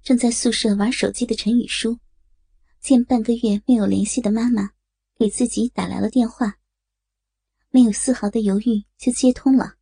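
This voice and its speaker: Husky woman narrating an adult story. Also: on the high side, normal speed, no echo. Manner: steady, matter-of-fact reading. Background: faint music.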